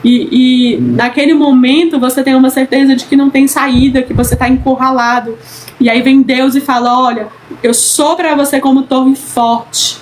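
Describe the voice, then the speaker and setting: A woman's voice: high-pitched, a little hiss or hum, rough recording. A woman teaching a Bible study in an earnest, repetitive way, often checking in with "né?". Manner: earnest, repeats phrases, frequent "né?".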